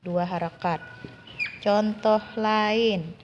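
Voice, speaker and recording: A woman's voice: mid-range voice, steady tone, very slow, lo-fi sound, soft background music. An Indonesian woman teaching a lesson on Quranic long vowels, patiently repeating each example and drawing out the long sounds.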